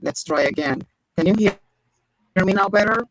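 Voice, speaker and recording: A woman speaking as a guest on a live stream panel, her voice breaking up over a crackling call connection with static. She talks slowly and carefully, explaining. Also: mid-range voice.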